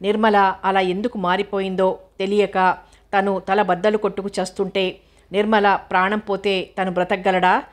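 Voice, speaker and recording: A woman narrating a novel as an audiobook in a steady, measured way. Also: mid-range voice.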